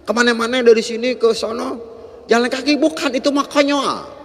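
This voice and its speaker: A male preacher, giving a lively storytelling sermon in casual slang. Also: extremely high pitch, fairly quick, a little hiss or hum. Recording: echoey hall.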